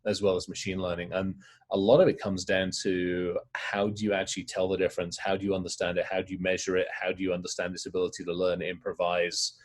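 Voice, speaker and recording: Deep-voiced man telling stories fast. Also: flat delivery. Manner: fast, rambling storytelling. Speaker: interview guest, hacker. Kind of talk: casual conversational interview.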